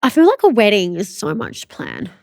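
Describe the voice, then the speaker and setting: A woman's voice: mid-range voice, wildly swooping pitch, brisk, gravelly, no room sound, clean studio sound. A woman in her late twenties from Australia, co-hosting a podcast in casual chat. She laughs often and fills her talk with "like". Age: 20s. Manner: chatty and giggly, says "like" often. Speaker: podcast co-host.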